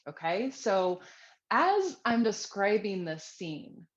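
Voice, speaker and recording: A woman's voice: medium pitch, sing-song, slow, muffled recording. A woman parenting coach giving tips straight to camera, earnest and conversational, with easy fillers. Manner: earnest, conversational, with frequent fillers and acted-out quotes.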